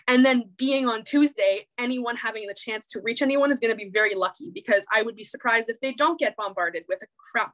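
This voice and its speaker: Speaking over a video call at an online public meeting, a young Canadian woman student delivers an impassioned, emphatic speech, emotional and prone to repeating and restarting words. Her voice is a little high and a bit bright, and the audio is poor.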